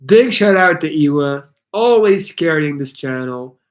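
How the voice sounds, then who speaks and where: Speaking at a measured pace with a fairly high voice, this man hosts a live Q&A for viewers. Originally a Dutch speaker, he uses casual, slightly rambling English with some sounds subtly altered, staying relaxed and reading the chat out loud.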